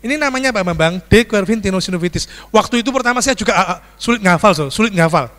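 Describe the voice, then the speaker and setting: Animated pastor in a reverberant church. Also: male voice, high voice, fast talker. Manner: animated, acts out screams and dialogue, addresses congregation as "saudaraku". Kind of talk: storytelling sermon. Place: church sanctuary.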